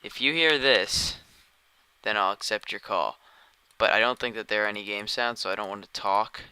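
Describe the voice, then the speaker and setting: A man's voice: fairly low pitch, moderate pace, pushed and bright, clear, resonant tone, no echo. A tired man streaming a game, chatting casually and thinking aloud as he plays. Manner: rambling, thinking aloud while playing. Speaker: gaming streamer. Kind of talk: casual live-stream commentary.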